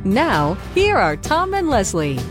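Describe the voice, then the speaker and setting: Lively high female sponsor announcer. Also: takes it slowly, over music. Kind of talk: scripted sponsor read.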